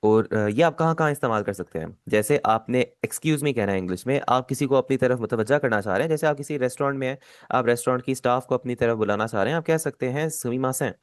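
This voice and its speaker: A man teaching a language lesson, patiently explaining and repeating key words slowly. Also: mid-range voice, smooth, dry recording, studio quality.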